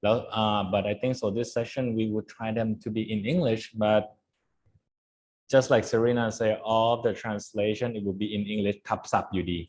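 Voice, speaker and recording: Very fast-talking Thai-accented man. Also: lowish voice, fairly even intonation, a little mellow. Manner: informal, switching between Thai and English. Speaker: training session host. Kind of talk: casual chat leading an online training session.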